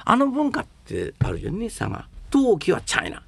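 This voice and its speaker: An older man talking casually and at length about comedy and performing arts, rambling and opinionated, with rough colloquial speech. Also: high voice, huge pitch swings, fairly quick, fairly bright tone, dry recording.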